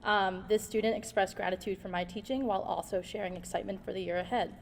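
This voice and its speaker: A woman's voice: medium pitch, steady tone, creaky. Young first-year female teacher reading a formal award speech in a long-reverb hall with faint noise. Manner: measured, formal, heartfelt.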